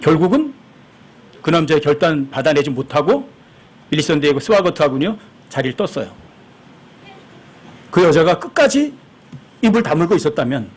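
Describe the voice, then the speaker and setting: Male pastor, high and husky, lively sermon delivery that acts out quoted voices. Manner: acts out quoted voices, emphatic and conversational with the congregation.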